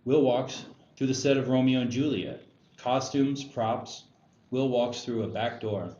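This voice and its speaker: This is a narrator at a screenplay table read, a man reading the scripted stage directions in an unhurried, dark, mid-range voice. The indoor room is roomy and echoey. The audio is dull, with faint noise.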